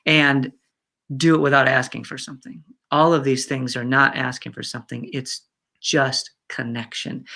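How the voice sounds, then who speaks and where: A man's voice: a little high, vocal fry, fairly bright tone. A man in his fifties, a guest in an interview, talking in a chatty way with many fillers and restarts and frequent laughter. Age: 50s. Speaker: guest speaker. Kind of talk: casual interview chat.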